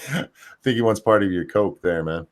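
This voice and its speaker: A man's voice: on the low side, a little fast. A man hosting a live stream in casual chat, reading out viewer comments with blunt, sardonic swearing.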